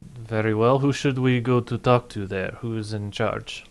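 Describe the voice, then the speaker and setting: A man's voice: lowish voice, steady tone, moderate pace, a little hiss or hum, close to an everyday voice. A man putting on an Eastern European accent to voice an adventurer in a tabletop game. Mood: questioning. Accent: put-on Eastern European.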